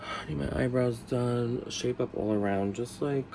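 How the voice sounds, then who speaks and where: A vlog host with a mid-range, creaky voice tells a story at an unhurried pace against a noisy background. He has a cold and sounds congested and sniffly, rambling casually and mocking himself along the way.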